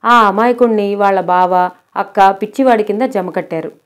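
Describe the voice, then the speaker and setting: A woman's voice: mid-range voice, normal speed, lightly acted. A woman voicing a furious young wife who scolds her husband indignantly in an audiobook story. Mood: angry scolding.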